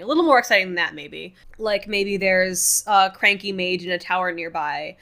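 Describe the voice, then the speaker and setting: A woman game master chatting casually about improvising side quests, talking in quick bursts. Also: mid-range voice, pushed and bright. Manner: chatty, quick bursts, laughs between points. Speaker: podcast co-host and game master. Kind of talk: casual chat about running tabletop games.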